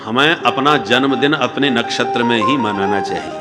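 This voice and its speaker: A man's voice: medium pitch, moderate pace, loud music behind the voice. Devotional male preacher in reverberant hall. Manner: storytelling in Braj dialect voices, chanting refrains. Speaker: kathavachak. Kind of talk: devotional katha sermon.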